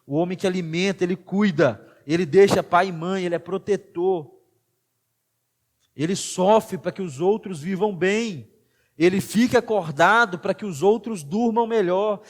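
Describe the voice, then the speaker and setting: A Brazilian pastor preaching in church with a high-pitched voice. He speaks with a Brazilian Portuguese accent and drives his points home with emphasis, dropping low and quiet, then rising loud again. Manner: emphatic preaching, swings between hushed and loud. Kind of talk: sermon.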